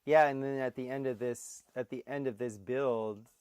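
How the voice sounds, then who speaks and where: A man's voice: medium pitch, fairly even intonation, moderate pace, darkish tone, clean tone, dry recording. A man hosting a livestream, chatting casually on a porch and telling rambling, jokey stories. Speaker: livestream host. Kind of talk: casual chat. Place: outdoor porch.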